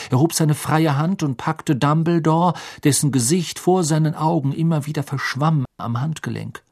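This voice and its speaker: A man reading a fantasy novel aloud in a measured, calm storytelling manner. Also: fairly high pitch, dry recording, studio quality. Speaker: audiobook narrator. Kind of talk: scripted fantasy narration.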